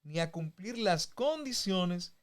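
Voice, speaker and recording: A preacher from the Dominican Republic teaches a Bible lesson in a folksy, conversational way, using homey examples and chuckling along. His high-pitched voice is expressive and slow.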